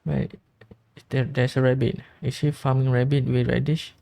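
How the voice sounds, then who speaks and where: A man's voice: medium pitch, level tone, normal speed, vocal fry, warm tone. A man casually commentating over a video game's dialogue with wry, joking asides. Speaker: gameplay commentator. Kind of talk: casual let's-play commentary.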